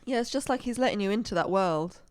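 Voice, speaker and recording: A young woman co-hosting a casual podcast, soft-spoken and trailing off, often giggling. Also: medium pitch, animated, fast, no room sound. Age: young adult. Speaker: podcast co-host. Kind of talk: casual chat.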